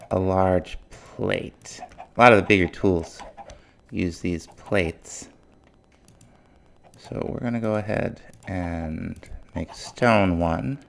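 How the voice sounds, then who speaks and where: A man casually narrating his modded game as a let's play host, thinking aloud in a relaxed, mumbling way, with faint music behind. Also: sits low, vocal fry, slight background noise. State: morning voice. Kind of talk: casual gameplay commentary.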